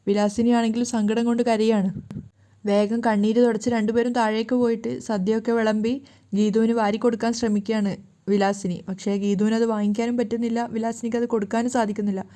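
Brief: woman storyteller, mellow, plain steady retelling. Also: on the high side, a little fast. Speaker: storyteller recapping a serial. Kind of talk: casual story recap narration.

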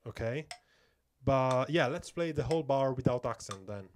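A man's voice: medium pitch, expressive, moderate pace, noisy background. A man giving a step-by-step drum lesson, counting beats aloud and often checking in with "okay?". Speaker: drum teacher. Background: metronome clicks.

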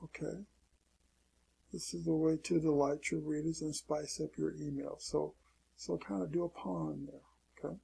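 A man's voice: a little high, level tone, normal speed, gravelly, warm tone, slightly rough. A man teaching an online marketing lesson in a loose, casual way, often saying "okay" and repeating his warnings. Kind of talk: casual screen-share tutorial.

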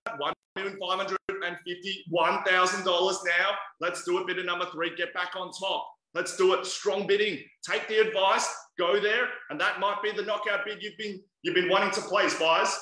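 A bright, sharp-toned man in his thirties runs a property auction over a webcam, coaxing and pushing bidders along. His voice sits fairly high, and the room around him rings with echo. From Australia. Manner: persuasive, coaxing buyers with repeated bid calls. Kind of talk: live property auction calling. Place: indoors by a large glass window. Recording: echoey room sound.

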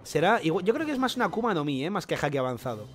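A young man with a Spain Spanish accent giving excited, jokey, swear-filled reaction commentary on a manga chapter. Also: on the high side, racing, faint music behind.

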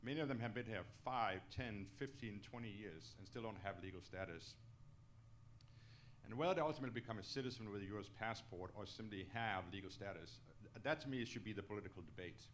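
This middle-aged man from Denmark talks fast in a voice on the low side. A native Danish speaker and company executive, he's a guest in an on-stage interview at an indoor auditorium, answering with earnest emphasis and often wrapping up a point with "okay?". He holds a handheld microphone, and slight background noise comes through.

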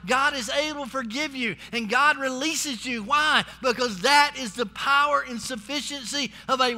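The pastor, a middle-aged American man, preaches in an extremely high, pushed and bright voice, emphatic and exhorting, hammering phrases through repetition. His amplified sermon echoes from a large indoor church stage, with hall reverb and faint music in the recording.

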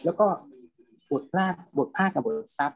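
A man's voice: normal speed, rough recording. A middle-aged man, a film subtitle and dubbing translator, talking at length in a panel discussion, rambling and repeating words.

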